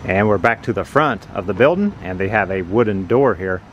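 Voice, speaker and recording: Low-voiced man narrating a walking tour. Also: expressive, muffled recording, background noise. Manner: slow, plain, informative. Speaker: vlogger touring a building. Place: outdoors on a city sidewalk. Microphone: handheld phone camera.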